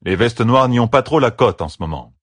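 A man's voice: mid-range voice, expressive, brisk, no echo, voice pushed up, lightly acted. A man voicing a brash, proud male warrior who delivers a matter-of-fact report in a fantasy audiobook. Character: Logain, proud dark-haired male warrior.

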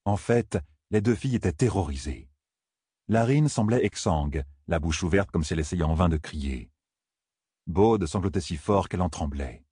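A man narrating a fantasy novel as an audiobook, in a measured, even storytelling manner. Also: low-pitched, slightly rough, dry recording, studio quality.

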